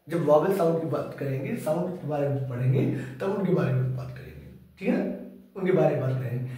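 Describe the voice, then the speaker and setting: A man's voice: high voice, a little mellow. A man teaching English grammar in a lecture, repeating his questions and answering them himself. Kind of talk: classroom lecture. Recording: echoey room, mic far off.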